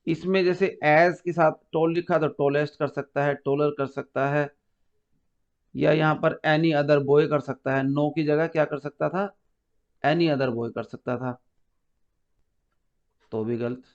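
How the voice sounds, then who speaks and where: A male grammar teacher takes his class through the lesson one step at a time, pausing to quiz his students. His voice sits a little high and his pace is very unhurried. The recording is muffled and lo-fi. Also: steady tone. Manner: patient, step-by-step explaining with questions to students.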